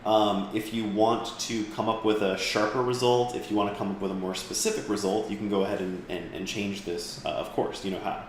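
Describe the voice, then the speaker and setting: Male instructor, rambling casual delivery, low-ish voice, heavy room echo. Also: fairly quick, hardly any pauses, a little hiss or hum. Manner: relaxed, rambling, with fillers and restarts. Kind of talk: live class software tutorial.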